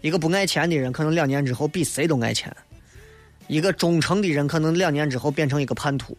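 Higher-voiced Shaanxi-accented man hosting radio. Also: fast, faint music behind. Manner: colloquial, blunt, philosophizing. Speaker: radio host. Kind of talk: casual late-night radio monologue, reading and answering listener messages.

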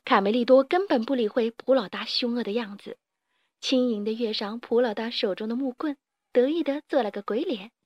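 A woman storyteller reading a children's story aloud with lively expression. Her voice sits high, and the recording is close and dry with no room sound. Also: a little fast, no room sound, muffled recording.

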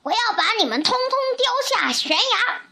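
A woman voicing a huge, boastful male giant in a storybook, loud and blustering. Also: very high-pitched, sing-song, normal speed, voice pushed up, full character voice. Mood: roaring.

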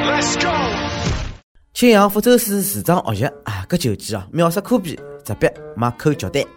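Man, Shanghainese accent, comic news host, lively swooping pitch, mocking and slangy, exclamatory, music behind.

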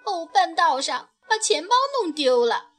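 A woman's voice: extremely high pitch, animated, a little slow, a bit bright, soft background music, voice pushed up, full character voice. A woman voicing a flustered young mother who sounds apologetic in a storybook reading.

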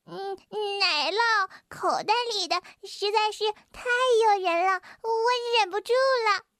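A woman doing squeaky, eager little chicks. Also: unhurried, bright, forceful tone, dry recording, studio quality, heavily acted. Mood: sheepish. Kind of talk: storybook reading.

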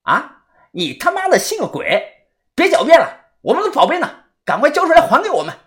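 A man voicing an excitable, crude young man who yells fast accusations. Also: extremely high pitch, voice pushed up, heavily acted. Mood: accusing.

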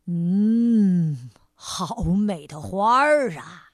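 A woman's voice: medium pitch, expressive, extremely slow, dry recording, studio quality, pitched below the performer's own voice. A woman voicing a big, strong male tiger in a children's storybook reading, with a drawling, smug put-on voice.

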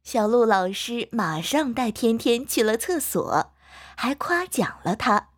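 A woman narrating a children's storybook in a gentle, expressive way. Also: on the high side, unhurried.

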